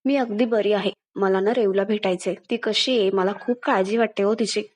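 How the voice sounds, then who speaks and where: A woman's voice: medium pitch, steady tone, moderate pace, close to an everyday voice. A woman voicing an earnest, determined young woman lying in a hospital bed, insistent in tone.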